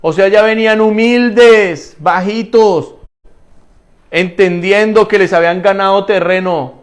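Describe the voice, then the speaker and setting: A man preaching a sermon as pastor, asking rhetorical questions and answering them himself, repeating phrases for emphasis and speaking straight to the congregation. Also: sits high. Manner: addresses the congregation directly.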